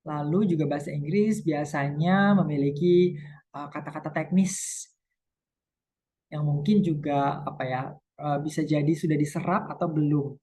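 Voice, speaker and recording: A woman lecturer explaining English pronunciation, modeling English words slowly with stress and thinking aloud between points. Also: deep voice, mellow, breathy edge. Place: university.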